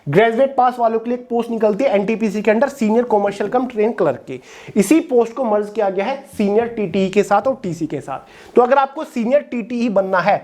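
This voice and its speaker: A woman's voice: mid-range voice, warm tone. Woman, coaching educator, direct explainer who keeps checking that the audience follows. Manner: direct, checks in with listeners often. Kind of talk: explanatory talk to exam aspirants.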